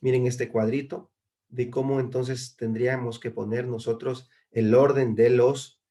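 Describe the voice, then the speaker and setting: A man's voice: mid-range voice, level tone, unhurried, dark tone. A young man teaching English grammar in an online class, patiently explaining and often checking with his students. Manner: patient, repeats and checks with "¿no?" and "¿verdad?". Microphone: video call.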